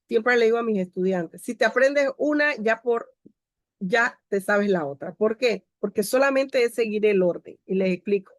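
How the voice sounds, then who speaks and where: A woman's voice: medium pitch, no room sound, clean studio sound. Woman teacher giving an online lecture. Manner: explains step by step, cues slides with "siguiente". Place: home. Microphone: video call.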